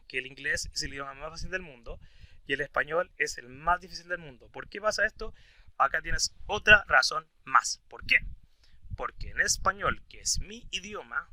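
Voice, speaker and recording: Male teacher, a touch high and very bright; patient step-by-step explainer who keeps checking in with the viewer. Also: poor audio. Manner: explains step by step, often asks "right?" for agreement. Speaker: English teacher. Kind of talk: video grammar lesson.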